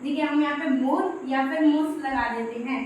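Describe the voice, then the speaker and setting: Female grammar teacher, high voice, strong room echo, faint hiss behind. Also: normal speed, darkish tone. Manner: explains step by step, repeating "dekhiye". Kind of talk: Hindi classroom-style grammar lesson. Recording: very echoey room, faint background noise.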